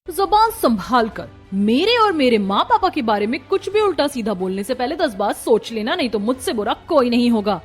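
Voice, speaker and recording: A woman voicing a proud, outspoken young bride in a cartoon story, talking forcefully. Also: fairly high pitch, very animated, normal speed, breathy edge, faint music behind. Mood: indignant. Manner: forceful, indignant.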